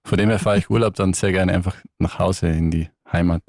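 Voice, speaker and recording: Tiroler Musiker mit tiefer Stimme. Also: male voice, sits low, fairly even intonation, brisk, creaky, a little mellow, dry recording, clean studio sound. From Tyrol, Austria. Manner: thoughtful, with frequent restarts. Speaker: guest musician. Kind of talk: relaxed radio interview. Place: radio studio.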